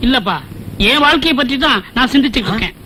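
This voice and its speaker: A man's voice: extremely high pitch, expressive, fast talker, sharp tone, slight background noise, heavily acted. An actor playing a flustered middle-aged village father who blurts startled grunts in a film comedy. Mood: lovesick. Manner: bumbling, with frequent startled "aa?" grunts. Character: fussy, flustered, smitten widowed village father. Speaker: father of a grown daughter. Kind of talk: Tamil film comedy dialogue.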